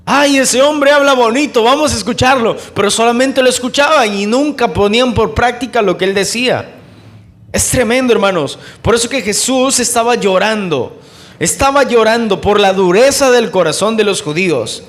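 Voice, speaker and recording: High-voiced fervent male preacher. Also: expressive. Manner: fervent, addresses listeners as brothers, rhetorical questions; shifts between quick bursts and slow emphatic phrases. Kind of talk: sermon.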